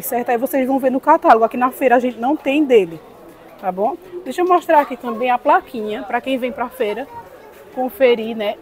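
Chatty woman selling clothes. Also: darkish tone. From Northeast Brazil. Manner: chatty sales pitch with tag questions. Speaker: clothing seller. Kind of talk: product showcase vlog. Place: indoor market stall. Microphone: phone camera held in hand.

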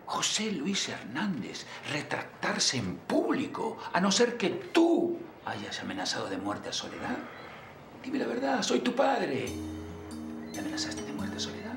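A man's voice: sits high, wildly swooping pitch, unhurried, creaky, echoey room, music in the background, exaggerated voice. An actor playing a suspicious father who interrogates his son in a telenovela scene, pressing him for the truth. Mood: interrogating. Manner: interrogating, insistent. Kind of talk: telenovela acting.

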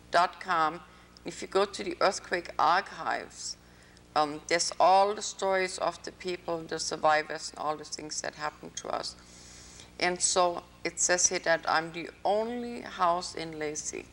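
A woman's voice: fairly low pitch, fairly bright tone, far from the mic, a little hiss or hum. Chatty older woman from North Africa. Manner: chatty, rambling storyteller. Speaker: host. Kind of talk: public access interview. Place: TV studio with green-screen backdrop.

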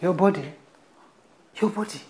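A woman's voice: lowish voice, normal speed, dark tone, lightly acted. An actress with a Nigerian accent playing a devout middle-aged mother who lectures her married daughter. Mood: scolding. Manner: preachy, lecturing. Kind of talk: film acting.

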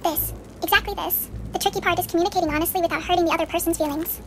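A machine voice with a sped-up, high chipmunk effect, speaking as an eager AI chat companion in an earnest, soothing, overly reassuring way. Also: female voice, steady tone, racing, soft background music. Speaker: AI chatbot companion.

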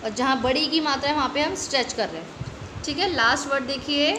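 An Indian woman teaching a young children's Hindi class, drawing out each word slowly and asking the kids questions. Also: high-pitched, background noise. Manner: slow, drawn-out word stretching with quiz questions. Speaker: primary school Hindi teacher. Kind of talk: online class lesson. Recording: echoey room with faint ambience.

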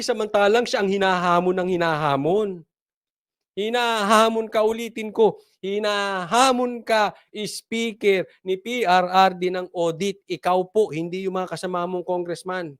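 A man's voice: high-pitched, clean tone. A man hosting casual political commentary, mocking and laughing often and repeating his points for emphasis.

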